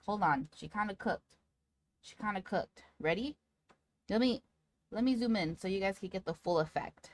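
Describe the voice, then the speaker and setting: Female livestreamer, cute excitable anime-streamer delivery, very lively intonation, close dry sound. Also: mid-range voice, moderate pace, no echo. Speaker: livestreamer talking to chat. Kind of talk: casual livestream chat.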